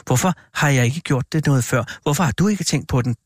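A man's voice: mid-range voice, no echo, clean studio sound, lightly acted. A man reading an audiobook, voicing a grieving old woman who pleads wildly and shrilly. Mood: desperate.

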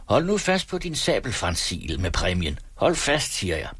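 A man voicing a sly, stubborn former cavalryman working as a farmhand, speaking plainly with calm, wry scorn. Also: deep voice, breathy edge, no room sound, exaggerated voice. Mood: mocking.

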